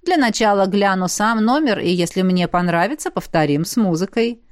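A woman voicing a stern noblewoman demoness who speaks in cold, clipped, measured words. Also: mid-range voice, animated, dry recording, clean studio sound, lightly acted.

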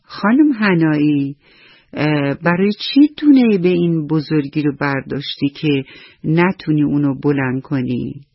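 A woman's voice: low-pitched, expressive, slightly rough, no echo, exaggerated voice. A woman storyteller voicing a selfish little ant in a radio bedtime story, speaking sharply. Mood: irritated. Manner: sharp, impatient. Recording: dull lo-fi radio with soft music.

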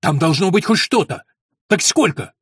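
A man voicing an impatient young nobleman heir who is quick to anger and demands answers. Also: mid-range voice, animated, fairly bright tone, dry recording, clean studio sound. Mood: demanding.

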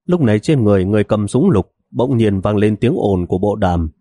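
Male audiobook narrator, low voice, mellow tone, dry sound. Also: fairly quick, no room sound. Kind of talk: scripted novel narration.

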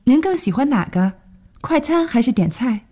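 A woman presenting a scripted radio language lesson, clearly explaining and translating each phrase. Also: a little high, very animated, moderate pace, mellow. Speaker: radio English teacher.

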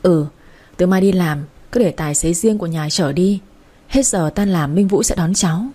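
A woman voicing a kindly, authoritative old grandfather who settles matters calmly, in a storybook reading. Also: fairly low pitch, normal speed, close to an everyday voice. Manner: calm, settled, decisive.

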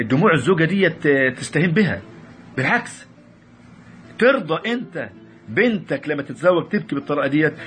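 A man with an Egyptian Arabic accent giving a lively religious lecture on marriage to a class, often repeating and restarting words. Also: on the high side.

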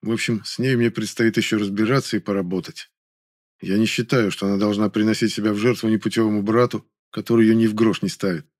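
A man calmly narrating an audiobook in the first person, in a measured way. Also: lowish voice, no echo, studio quality.

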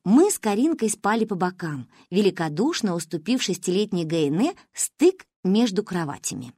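A woman narrating an audiobook in a lively, expressive storytelling manner. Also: medium pitch, normal speed, slightly rough, dry recording, clean studio sound.

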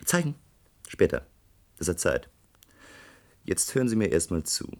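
In a German radio play, a male actor with a low voice and big pitch swings portrays a bitter, gifted young doctoral student. His delivery is deliberate, sarcastic and accusing, with a guarded, defiant mood.

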